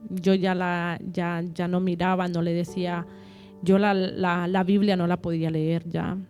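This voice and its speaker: A woman telling a personal testimony in an interview. She talks haltingly, repeats words and acts out what others said. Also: on the low side, level tone, darkish tone, soft background music.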